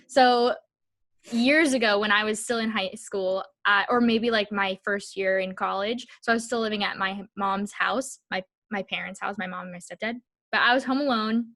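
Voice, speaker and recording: A young woman co-hosts a podcast, swapping stories in a casual, animated way, acting out dialogue and sprinkling in lots of "like." Her voice is medium in pitch and slightly bright, with a steady tone at a normal speed.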